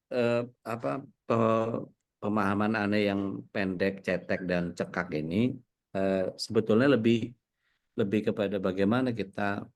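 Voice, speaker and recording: A man speaking as a cleric in relaxed, conversational religious talk, often pausing with fillers and turning to the audience. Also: on the low side. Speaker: cleric and co-host.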